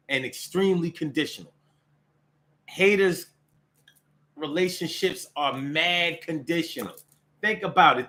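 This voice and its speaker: An American man hosts a solo show, delivering a casual, opinionated monologue in streetwise slang and repeating phrases for emphasis. His voice is a little high, with a bright, forceful tone.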